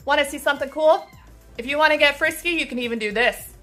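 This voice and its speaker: A woman's voice: high voice, quick pace, a bit bright, faint music behind. A woman in her thirties giving a casual, upbeat step-by-step woodworking tutorial in her shop, filmed on a phone held at arm's length. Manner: upbeat, chatty, laughs at own slips. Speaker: woodworking instructor. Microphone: phone camera at arm's length.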